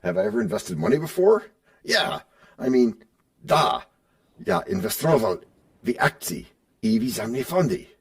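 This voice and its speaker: A man's voice: medium pitch, expressive, normal speed, vocal fry, long pauses, husky. A middle-aged man hosting a podcast, playfully bantering with himself in a scripted back-and-forth, recorded on a distant mic. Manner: playful, switching between his own voice and a sidekick. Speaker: podcast host.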